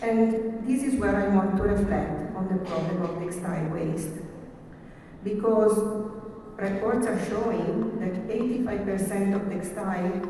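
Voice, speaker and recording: A woman, a professor giving a formal, measured conference keynote. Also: fairly low pitch, mellow. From Italy. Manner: formal, measured, reading from slides. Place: large conference hall. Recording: echoey hall from far off, faint hiss.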